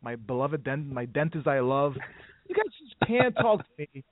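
A man's voice: a little high, very animated, moderate pace, no room sound. A man hosting a casual sports talk show, telling a rambling story and acting out the dialogue. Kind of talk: casual radio chat. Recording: phone-like audio with faint music.

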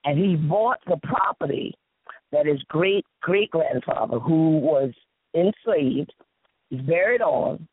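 Her voice husky and her pace slow, the Gullah-accented woman from South Carolina's Sea Islands spins animated stories as an interview guest, repeating phrases and voicing dialogue with emphasis. The recording is dry, narrow, and tinny like a phone line.

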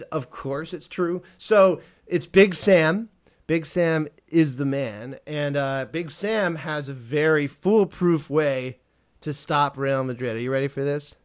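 An excitable podcast host with a somewhat high voice, chatting casually about football. He laughs often and swears freely. His delivery is loose and enthusiastic. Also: clear, resonant tone.

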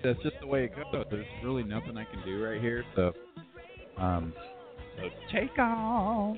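A man hosting a casual call-in chat show, rambling and chatty, heard over a crackly, distorted phone line. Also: lowish voice. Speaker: host.

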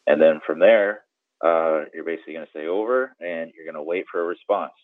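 This guest boating radio expert talks briskly in a low voice, guiding the listener step by step in a conversational way and often checking in. The recording is dry, and the audio sounds narrow and tinny.

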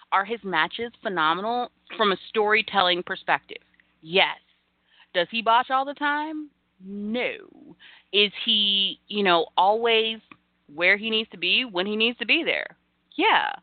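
A woman co-hosting a casual wrestling podcast, animated and sassy, acting out fan reactions. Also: medium pitch, no room sound. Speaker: podcast co-host. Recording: thin phone-like line.

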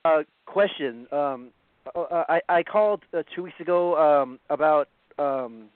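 A man's voice: on the high side, no echo. Man calling in stammering radio show caller on a tinny phone line. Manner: halting, stammering, many fillers. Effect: phone-line call-in audio.

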